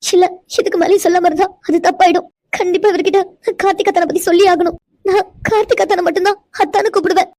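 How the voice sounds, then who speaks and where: A timid young village girl from a cartoon, voiced by a woman. She stammers and pleads in a very high, quick voice. The recording is dry and close. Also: steady tone, a little mellow, no room sound. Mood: frightened. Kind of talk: cartoon voice acting.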